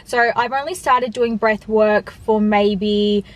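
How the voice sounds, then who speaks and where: A woman's voice: medium pitch, steady tone, takes it slowly. A woman talking casually and emphatically to viewers in a vlog style while she eats. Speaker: online fitness coach and vlogger. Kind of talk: casual chat to viewers, mukbang Q&A.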